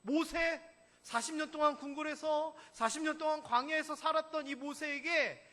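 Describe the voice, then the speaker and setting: A man preaching a sermon as senior pastor, telling stories in an animated way and asking the congregation questions. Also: extremely high pitch, normal speed. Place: church sanctuary. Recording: echoey church hall.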